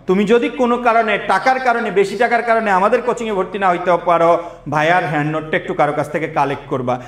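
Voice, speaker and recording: A young man teaching an online admission class, energetic and quizzing students with repeated questions. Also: high voice, echoey room.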